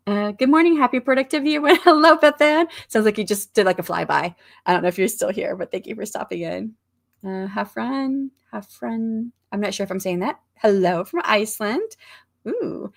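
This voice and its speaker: Woman host, casual livestream chat, rambling and friendly, slight vocal fry. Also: mid-range voice. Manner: chatty, rambling, many ums and restarts.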